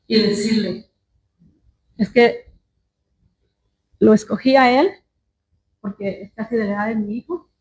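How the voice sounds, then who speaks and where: A woman's voice: medium pitch, darkish tone, slight background noise. A woman giving a personal testimony in church, speaking earnestly and calling her listeners brothers. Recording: echoey church hall from far off.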